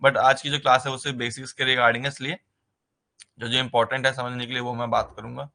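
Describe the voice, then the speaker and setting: A man teaching a nursing writing-exam lesson in a conversational way, often pausing with a filler and mixing terms into his speech. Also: medium pitch, little pitch movement, bright, forceful tone. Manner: conversational, repeats "ठीक है" as a filler, mixes English terms into Hindi. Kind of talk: explaining exam basics in a recorded lesson.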